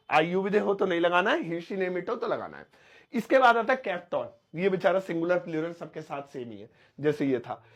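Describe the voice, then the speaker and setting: A man, teaching English grammar in a chatty way, stretching out and repeating his example sentences. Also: high-pitched. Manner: explains slowly, spelling out words and repeating examples. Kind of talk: spoken English lesson explained in Hindi.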